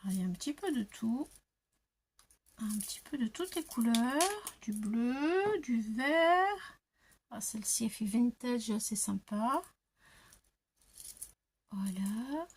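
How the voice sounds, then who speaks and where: An older woman at home doing a crafting unboxing, gushing over each item and often dropping to soft whispers. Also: a little high, animated, slow pace, pauses often, slight background noise. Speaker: crafting vlogger. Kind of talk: unboxing show-and-tell. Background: paper crinkling and handling clicks.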